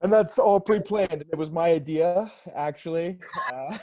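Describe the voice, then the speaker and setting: A man's voice: fairly high pitch, unhurried, warm tone, no room sound. A young man hosting, chatting casually and cheerfully, laughing often. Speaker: host. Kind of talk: casual video call chat.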